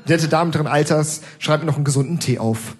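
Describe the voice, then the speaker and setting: A man giving a comic stage reading of his own texts, narrating in the first person in a dry, deadpan way. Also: on the high side, fast talker.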